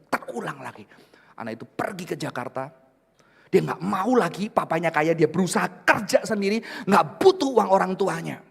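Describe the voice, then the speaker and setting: A male pastor preaching with a fairly high voice that climbs into loud, fervent peaks and then drops to a near whisper. He keeps calling out to his congregation as he speaks. The sound rings with the long reverb of a large church hall. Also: creaky, slightly rough. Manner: swings from loud impassioned peaks to hushed whispers; addresses the congregation repeatedly as brothers and sisters. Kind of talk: sermon.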